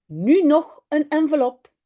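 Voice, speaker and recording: A woman's voice: sits high, very animated, slow pace, phone-quality sound, pitched above the performer's own voice, exaggerated voice. A woman reading as an eager little storybook boy. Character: small boy, eager and a bit naughty.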